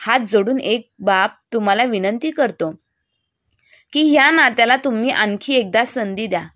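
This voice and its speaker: A woman voicing a gentle, humble older father who pleads earnestly. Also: fairly high pitch, moderate pace, no echo, studio quality, natural voice. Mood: pleading.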